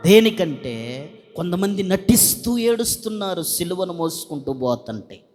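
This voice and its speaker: A man's voice: high voice, sing-song, moderate pace, darkish tone, big-room sound. A male pastor, preaching emphatically with repeated refrains and calling on the congregation to answer. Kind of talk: sermon.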